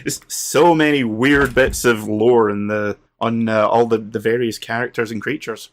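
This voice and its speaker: A man co-hosting a casual film discussion podcast, pausing often with "um" and "uh" and laughing often. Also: medium pitch, steady tone, a little hiss or hum. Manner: halting, with frequent "um" and "uh". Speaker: podcast co-host.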